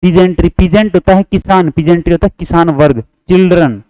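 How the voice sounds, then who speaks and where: A man with a Haryanvi Hindi accent teaching English grammar for exam prep, repeating points, coaxing students to answer along and reading example sentences slowly. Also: high voice, mellow, no echo, muffled recording.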